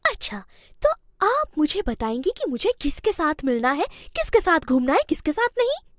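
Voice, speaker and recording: A woman's voice: normal speed, no echo, studio quality. A woman voicing a spoiled, defiant young wife in a cartoon story, whiny and snappish. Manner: whiny and snappish, lively pitch.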